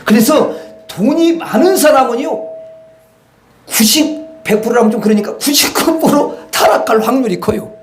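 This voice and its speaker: Male pastor, high voice, emphatic sermon delivery; roomy church hall. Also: moderate pace. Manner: emphatic, repeats and addresses the congregation. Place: church sanctuary. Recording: echoey church hall, faint noise.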